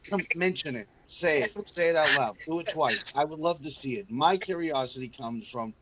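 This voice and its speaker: A man's voice: a little high, lively intonation, normal speed, a crowd in the background. A man playing a tabletop game in character, brash, crude and confrontational. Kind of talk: in-character role-play.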